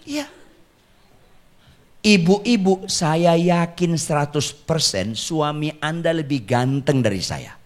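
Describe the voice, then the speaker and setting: Male pastor from the Batak region, comic sermon, animated delivery, self-mocking, loud bursts then quiet asides. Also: a little high, slow. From Batak, Indonesia. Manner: joking, self-mocking, with sudden loud outbursts and soft asides. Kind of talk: humorous sermon. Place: church sanctuary.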